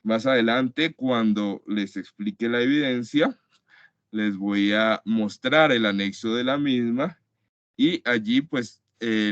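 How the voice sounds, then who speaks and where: Low-voiced man teaching a web class, patient, dry dull mic. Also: no room sound. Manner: patient, explanatory, many "entonces" and restarts. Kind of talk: online class lecture. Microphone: computer mic in a web conference. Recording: dry, slightly dull web-conference audio.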